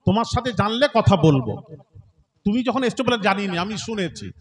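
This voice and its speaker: A man's voice: high-pitched, big pitch swings, normal speed. A man preaching at an open-air religious gathering, arguing insistently with challengers. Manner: insistent, argumentative. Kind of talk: heated public debate at a religious gathering.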